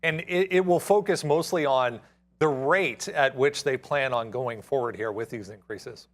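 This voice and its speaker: A man co-hosting a livestream, explaining market news in an unscripted, halting way. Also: mid-range voice. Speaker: co-host reporting market news.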